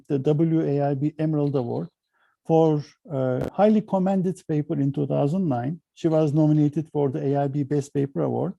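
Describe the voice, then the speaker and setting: A man's voice: on the high side, vocal fry, mellow, no room sound. A man hosting an interview, reading a guest's credits and then asking questions, with some hesitant fillers. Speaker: interview host.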